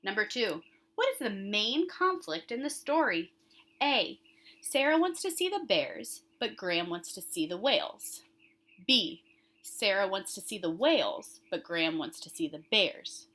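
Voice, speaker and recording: An elementary school teacher with a mid-range, sing-song voice that sounds pushed and bright reads questions and answer options to young pupils at a measured pace. She speaks directly to the children, stressing key words and guiding them through each item instructively.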